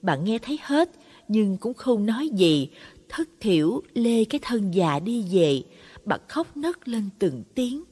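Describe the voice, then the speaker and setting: Breathy woman narrating a reverberant story. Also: medium pitch, unhurried. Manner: dramatic, expressive narration. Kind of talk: scripted narration of a Buddhist audio story. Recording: long reverb.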